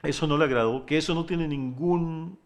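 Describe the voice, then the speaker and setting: Emphatic pastor preaching a sermon. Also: male voice, on the high side, normal speed. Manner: emphatic preaching with wide swings between loud and quiet; repeats words, piles up lists.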